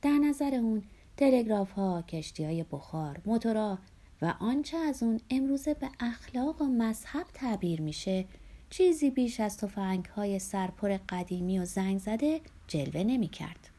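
A woman narrating a literary audiobook in a soft, breathy, half-whispered reading voice. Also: medium pitch, lively intonation.

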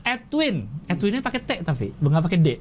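A man with a Jakarta accent and a notably high speaking voice, chatting casually as a co-host. He jokes around, laughs easily and trips over foreign place names as he reads out donations. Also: very animated, fairly quick, slight background noise. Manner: playful, laughs often, stumbles over foreign words. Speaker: podcast co-host. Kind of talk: casual chat, reading viewer donations.

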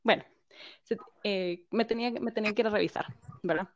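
A woman's voice: medium pitch, fairly quick, no room sound. Woman telling her story. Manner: animated storyteller, quotes others, laughs often. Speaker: guest. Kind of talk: personal story in conversation. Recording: slightly dull, dry.

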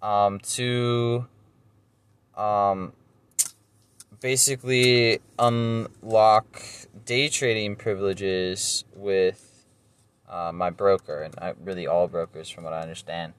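A man's voice: lowish voice, fairly even intonation, takes it slowly, long pauses, smooth. A young man in his twenties with a noticeably nasal voice, talking alone into a home mic. He rambles casually, pads his talk with fillers and pokes fun at himself. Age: 20s. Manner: rambling, self-deprecating, full of fillers. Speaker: podcast host. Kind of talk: casual solo monologue.

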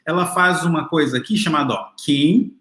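A man's voice: a little high, moderate pace, fairly bright tone. A man giving a classroom lecture, explaining patiently to his listeners with many fillers and restarts. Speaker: literature lecturer. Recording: roomy echo.

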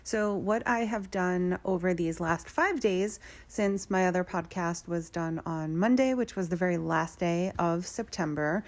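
A woman's voice: fairly low pitch, a little slow, few pauses. A woman hosting a solo podcast, talking casually and informally about her own life like a personal check-in. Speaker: podcast host.

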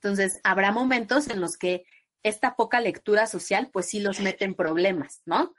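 A Mexican-accented woman talks through ideas as a psychologist guest on an interview podcast. Her voice sits at an ordinary middle pitch for a woman. She explains steadily and slips into other people's voices with lively jumps in pitch. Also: normal speed.

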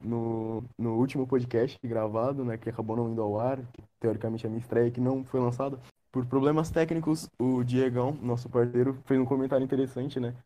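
A man's voice: medium pitch, steady tone, brisk, dark tone. A man co-hosting a casual sports podcast, fluent and wry, laughing easily. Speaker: podcast co-host.

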